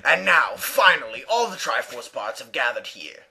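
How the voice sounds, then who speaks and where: A man's voice: medium pitch, big pitch swings, moderate pace, vocal fry, background noise, voice pushed down. A man reading a grand evil villain king's lines in a mock-dramatic way. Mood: grandiose. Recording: game music behind.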